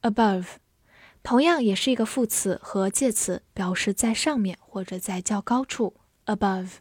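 A woman teaching English vocabulary in a clear, patient way, spelling words out and reading example sentences slowly. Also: medium pitch, darkish tone, no echo, clean studio sound. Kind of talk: vocabulary lesson.

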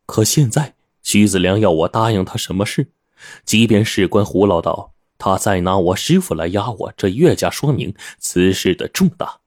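Low-voiced, lively male audiobook narrator. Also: normal speed, no echo, clean studio sound. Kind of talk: first-person novel narration.

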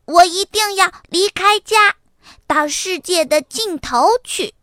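A woman voicing a bold, eager little boy fox in a children's storybook reading, excited and boastful. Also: sits high, takes it slowly, dry recording, studio quality, exaggerated voice.

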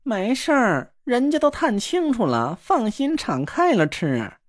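Man doing a curt impatient young woman, lively pitch, dry close voice. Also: measured pace, no echo, exaggerated voice.

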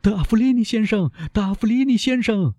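A man's voice: on the low side, wildly swooping pitch, moderate pace, warm tone, slightly rough, no echo, studio quality, voice pushed up, full character voice. A man voicing a frantic young woman from a storybook. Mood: panicked crying out. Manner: urgent, pleading cries. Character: young woman, devoted granddaughter, anxious.

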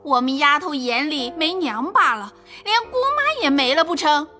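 An actress voicing a coarse, hot-tempered servant mother who yells crude abuse. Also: high voice, very animated, moderate pace, soft background music, heavily acted. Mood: angry. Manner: loud, crude yelling. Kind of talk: audio drama acting.

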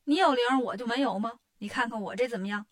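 A woman's voice: a little high, fast, natural voice. A woman voicing a boastful, cheeky male monkey king hero in a storybook tale, teasing and playful. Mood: cocky. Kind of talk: storybook character voice.

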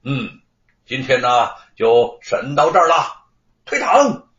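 A man voicing a stern, shrewd prefect judge in an audiobook story, with a measured official cadence and booming pronouncements. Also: very animated, fairly bright tone. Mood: stern, mocking. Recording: roomy, slightly dull recording.

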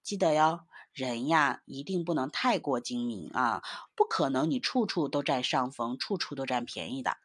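A woman narrating a bedtime story for children in a gentle, expressive voice, speaking to little listeners. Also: very deep voice, moderate pace, hardly any pauses, husky.

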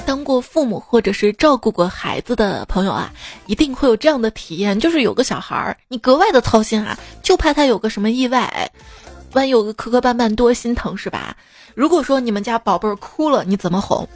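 A woman's voice: fairly high pitch, animated, brisk, soft background music. A mother telling funny stories about her daughter in a chatty, playful comic monologue. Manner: chatty, playful, laughs at her own jokes.

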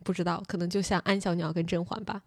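A woman's voice: on the low side, flat delivery, gravelly, no room sound, clean studio sound. A young woman telling a story about school friends in casual podcast chat, full of fillers and restarts. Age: young adult. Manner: rapid storytelling with many fillers. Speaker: podcast host.

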